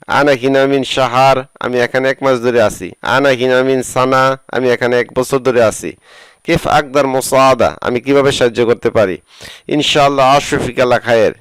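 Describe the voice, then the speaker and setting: Slow, deliberate male language teacher. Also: mid-range voice, clean tone, no room sound. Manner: slow, deliberate, repeats each phrase with its translation. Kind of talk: slow phrase-by-phrase vocabulary lesson.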